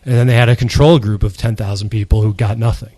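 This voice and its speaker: A man's voice: on the low side, steady tone, fast talker, dark tone, no room sound. A man co-hosting a podcast, casually explaining an idea at length with easy laughs. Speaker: podcast co-host. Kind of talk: casual chat.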